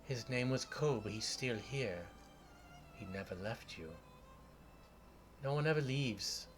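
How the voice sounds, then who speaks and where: A hunched old hag of a fortune teller played by a man at a game table, crackly and foreboding. The crone makes slow, dramatic pronouncements in a tabletop fantasy game, with music playing behind. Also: medium pitch, expressive. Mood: cryptic, grave.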